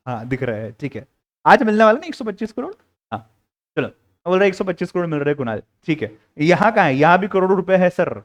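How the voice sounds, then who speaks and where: A young man with an Indian accent runs a live classroom lecture, his voice pitched high for a man. He swings his pitch widely, playfully coaxing students to speak up and answer. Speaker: teacher.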